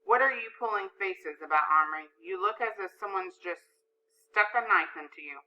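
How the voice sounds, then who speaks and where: A woman's voice: medium pitch, moderate pace, slight background noise, natural voice. A woman reading the part of a stern, irritable male headmaster who speaks sharply and sarcastically, on a dull recording. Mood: scolding. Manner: snappish, sarcastic.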